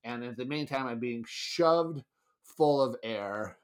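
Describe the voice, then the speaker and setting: A young adult man telling a story in a casual podcast chat, animated and laughing often, putting on other people's voices. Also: medium pitch, slow, clean tone. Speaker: podcast co-host.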